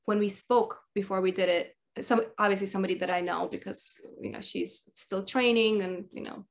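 A woman's voice: medium pitch, fairly even intonation, moderate pace, vocal fry. A woman in her late thirties from Russia, an energy healer talking in a casual video-call interview from her living room, rambling and full of fillers. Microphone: laptop webcam on video call.

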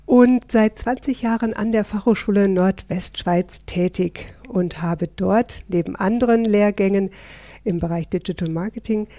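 A middle-aged professor from northern Germany answers interview questions in a friendly way, explaining things with some fillers. Her mid-range voice is warm, and there's no room sound.

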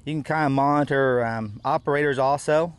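A man's voice: mid-range voice, brisk, smooth, no room sound. A middle-aged man, a farmer speaking practically in an on-camera interview outdoors, with fillers. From United States.

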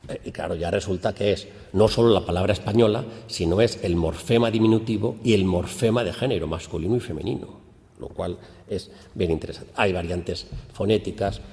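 A man's voice: deep voice, brisk, creaky. Man lecturing in an echoing hall. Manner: explanatory, lively emphasis on questions. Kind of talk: academic lecture. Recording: long hall reverb.

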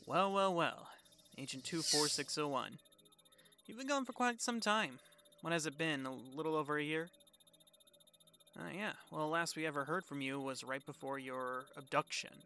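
A dutiful government agent, played by a man in an audio drama roleplay. He is brisk, official and procedural, with faint noise on the recording. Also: on the high side, lively intonation, pushed and bright. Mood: businesslike. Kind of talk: fan audio roleplay acting.

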